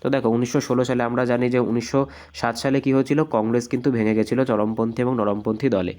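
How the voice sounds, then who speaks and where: A man with a hoarse voice from a cold, teaching an exam practice lesson and explaining answers step by step. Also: mid-range voice, level tone, quick pace, a little mellow. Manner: explanatory, repeats "ঠিক আছে?" often.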